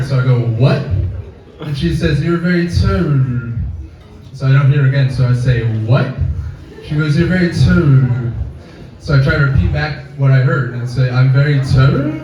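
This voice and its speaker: A young man performing a stand-up comedy set on a campus coffee house stage, deadpan and self-deprecating, with audience laughter behind him. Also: mid-range voice. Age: young adult. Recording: echoey room, mic from far off.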